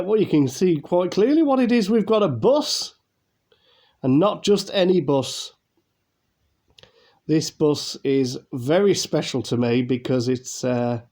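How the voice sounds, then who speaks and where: His voice is on the high side yet mellow and dark, blocked and nasal from a cold he's getting over. As a YouTube host doing casual unboxing commentary, he talks in a loose, chatty ramble full of ums and restarts.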